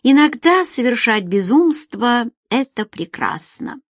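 A woman reading a novel aloud, voicing a lazy, condescending young secretary who turns shrill when irritated. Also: expressive, unhurried, no echo, studio quality. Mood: teasing.

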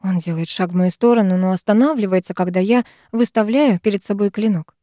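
A woman's voice: medium pitch, a little fast, mellow, no echo, studio quality. A woman narrating first-person fiction as an audiobook, dramatic and emotive.

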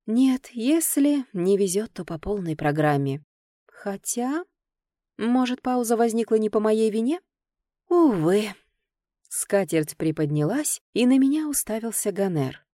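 A woman reading a first-person audiobook in a lively, expressive way. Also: mid-range voice, unhurried, no echo, clean studio sound. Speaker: audiobook narrator.

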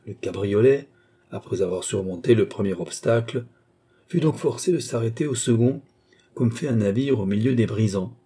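A man narrating a classic novel as an audiobook with a steady, expressive reading. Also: fairly low pitch, normal speed, breathy edge.

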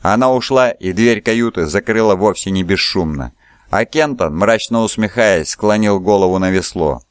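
Male audiobook narrator; low, smooth, measured delivery, dry studio sound. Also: dry recording. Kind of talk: scripted narration.

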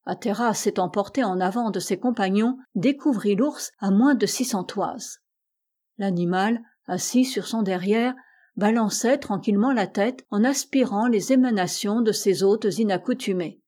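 A woman narrating a classic adventure novel as an audiobook reader, in a steady, measured way. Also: medium pitch.

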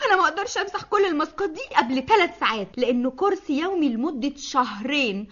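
An actress playing a fussy young wife with an Egyptian accent, whiny and pleading in a comic radio sketch. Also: female voice, high-pitched, big pitch swings, fast talker, fairly bright tone. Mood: teasing banter. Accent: Egyptian Arabic. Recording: dull lo-fi radio archive.

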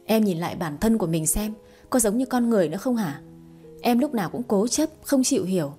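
Woman reader playing a patient young man, firm, mellow voice, storybook romance, faint music. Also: mid-range voice, lively intonation, a little fast, lightly acted. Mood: scolding.

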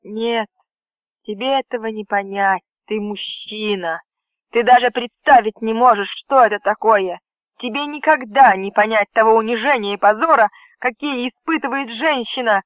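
A man's voice: sits high, moderate pace, no echo, natural voice. A man reading an audiobook, voicing a distraught young woman who sobs and lashes out in anguished outbursts. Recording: dry, tinny phone-like audio.

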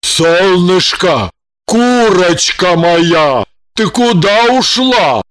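A woman voicing a sleepy, doting husband who calls out to his wife in slow, drawn-out words. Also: fairly low pitch, lively intonation, dry recording. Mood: calling. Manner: drawn-out, calling from afar.

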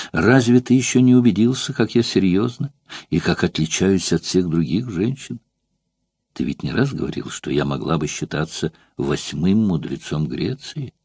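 A man doing a young Greek courtesan who coaxes and broods in turn. The voice sits low and husky, hushed and intense. It is recorded close and dry, with no room around it. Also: no room sound, heavily acted. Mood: coaxing. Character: passionate young Greek courtesan woman, coaxing and jealous. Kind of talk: audiobook character voicing.

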